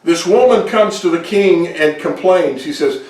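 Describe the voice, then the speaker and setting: A man's voice: high-pitched, animated, a little slow, darkish tone. Folksy preacher man in an echoey hall. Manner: folksy retelling of a Bible story, chuckling asides. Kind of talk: sermon storytelling. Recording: echoey room, distant mic.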